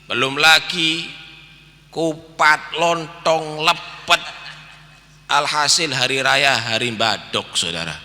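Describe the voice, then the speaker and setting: Bright-voiced man preaching. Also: on the high side, takes it slowly. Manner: animated storytelling, addresses listeners as brothers. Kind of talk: dawn lecture sermon. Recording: long hall reverb.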